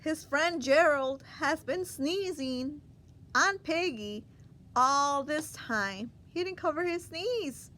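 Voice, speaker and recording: A woman's voice: high voice, expressive, takes it slowly, fairly bright tone, slight background noise. A woman reading a picture book aloud to young children, expressively, with asides and questions to the listener.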